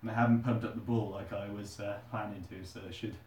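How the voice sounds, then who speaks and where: A man's voice: lowish voice, little pitch movement, fast talker, darkish tone. Male British fitness vlogger, informal chat during push-ups, recorded at a distance in a roomy, echoing space. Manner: chatting while doing push-ups, exerting himself. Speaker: host of a fitness challenge video. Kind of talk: casual workout vlog chat. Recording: roomy echo, distant microphone.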